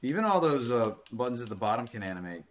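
A retro gaming channel host in his thirties rambles through a handheld game he is playing, swearing now and then into a desk mic at home. His mid-range voice is very animated and fast, with slight background noise.

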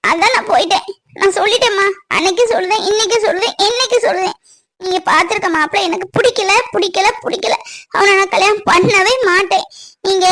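A woman's voice: very high-pitched, fairly bright tone. A woman voicing a defiant young daughter. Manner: pleading, insistent, tearful. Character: defiant young village daughter refusing a match.

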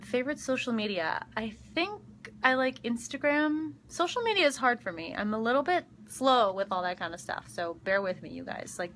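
Young actress, casual live-stream chat, bright tone, chatty with lots of ums. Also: female voice, mid-range voice, slight background noise. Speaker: actress answering fan questions. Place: backstage dressing room. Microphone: phone livestream.

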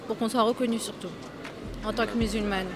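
A young woman answers a street interviewer earnestly, pausing to look for her words, outdoors with a handheld mic. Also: a little high, steady tone. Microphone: handheld mic held by interviewer.

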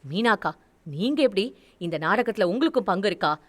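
A woman voicing a furious, heartbroken elder brother who shouts, scolds and gives orders. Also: sits high, lively intonation, brisk. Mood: stern commanding. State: tearful.

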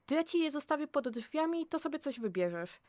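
In an amateur audio drama, a woman plays a chatty, curious, helpful office colleague, eager and exclamatory. Her high voice is sing-song, brisk and a little mellow, recorded dry with studio quality.

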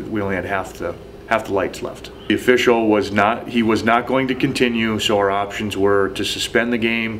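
A man's voice: on the low side, a bit bright. A man in his forties, a football coach, explaining casually in an interview in a small room. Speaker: high school football coach. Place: small indoor office. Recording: noisy small-room camera recording.

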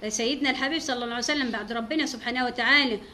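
A woman's voice: on the high side, very fast, bright, forceful tone, slight background noise. An Egyptian woman giving an informal religious talk as a teacher, devout and full of pious exclamations.

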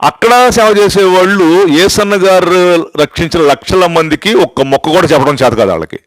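A man's voice: on the high side, a bit bright, dry recording, poor audio. An older man, a pastor, giving an emphatic sermon-style testimony, telling stories, asking rhetorical questions and switching into English phrases for emphasis. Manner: storytelling with repeated rhetorical questions.

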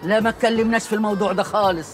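A woman's voice: mid-range voice, steady tone, racing, close to an everyday voice. An older woman with an Egyptian accent playing a stern, suspicious matriarch who scolds her underlings sharply. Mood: scolding. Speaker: matriarch mother of a drug lord. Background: music score.

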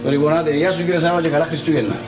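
A man's voice: on the high side, steady tone, loud music behind the voice, close to an everyday voice. A man doing a coaxing Cypriot go-between. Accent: Cypriot Greek. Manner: polite, coaxing, formal address. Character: smooth-talking adult man, persuasive go-between. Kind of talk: TV sitcom acting. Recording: roomy echo.

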